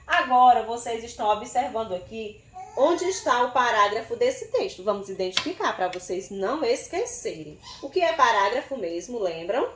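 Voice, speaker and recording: A Brazilian woman teaching young children to write, sounding out syllables slowly and asking pupils by name. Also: a little high, lively intonation, a bit bright, slight background noise. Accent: Brazilian Portuguese. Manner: slow, syllable-by-syllable spelling with questions to pupils by name. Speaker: primary school teacher. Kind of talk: recorded remote writing lesson for young children. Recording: echoey room.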